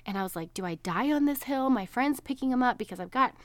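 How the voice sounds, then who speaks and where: Talking fast with an expressive, fairly high voice, this thirty-something registered dietitian chats alone on her podcast, bubbly and quick to laugh. Allergies leave her sounding nasal and congested, and the recording is dry.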